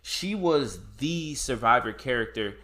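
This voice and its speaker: A man's voice: medium pitch, lively intonation, unhurried, fairly bright tone. A man co-hosting a casual film chat, speaking emphatically and repeating words for stress. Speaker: podcast co-host.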